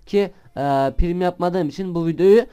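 A young man chats through his gameplay in a loose, rambling way, going off on tangents. His voice is smooth and clean, pitched a little high for a man. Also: steady tone, normal speed. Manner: chatty and rambling, bursts into shouted swearing at other players. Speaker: gaming channel host. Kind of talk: casual gameplay commentary.

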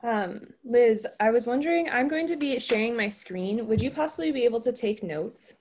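A woman organizing a meeting over a video call, chatty and energetic, laughing often. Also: fairly high pitch, normal speed. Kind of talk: casual video-call chat.

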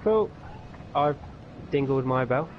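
A man, calmly guiding a friend through game settings step by step during a co-op stream. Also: medium pitch, takes it slowly, dull audio, slight background noise. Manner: patient, explaining step by step. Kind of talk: casual game chat over voice call.

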